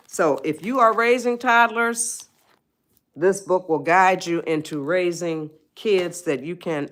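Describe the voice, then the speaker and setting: A woman author giving a live-stream talk on parenting, emphatic and repetitive and often checking in with her viewers. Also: deep voice. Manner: speaks directly to viewers as a group.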